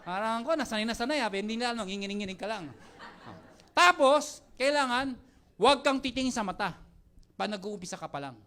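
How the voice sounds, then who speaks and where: A young man giving a lively motivational talk to a live audience, joking and quizzing the crowd as he mixes Tagalog and English. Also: high-pitched, brisk. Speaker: mentor speaking to network marketing team.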